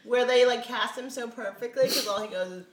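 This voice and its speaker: A woman's voice: a little high, a little fast. A woman chatting as a podcast guest, playful and giggly, often breaking into laughter. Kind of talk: casual podcast chat. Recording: roomy echo.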